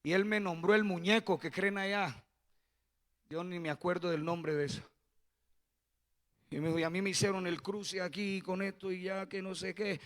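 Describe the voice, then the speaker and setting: A man preaching a fervent sermon as a pastor, building from quiet storytelling to shouted proclamations. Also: high voice, steady tone, normal speed, long pauses.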